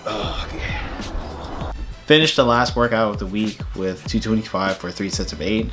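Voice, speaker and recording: A man's voice: on the low side, moderate pace, over music. A young man, narrating his fitness vlog in a laid-back, slangy way. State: out of breath while hiking. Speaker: fitness vlogger. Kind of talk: casual vlog voice-over.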